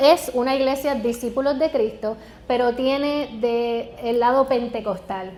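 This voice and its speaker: A Puerto Rican woman in her forties preaches a sermon to a congregation as a guest pastor, personal and joking, with a Puerto Rican Spanish accent. Her voice is high but darkish in tone. The church sanctuary sounds echoey, with faint background noise.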